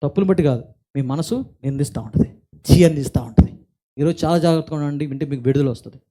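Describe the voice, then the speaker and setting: A male pastor preaching a sermon with emphasis, repeating his phrases and swinging between quiet stretches and forceful ones. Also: on the high side, fast.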